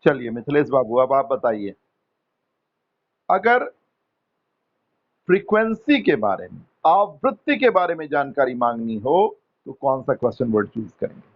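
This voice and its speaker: A man teaching an English lesson, quizzing students one by one in a patient, coaxing, gently teasing way. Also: medium pitch, big pitch swings, measured pace, long pauses, lo-fi sound. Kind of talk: online class quizzing students.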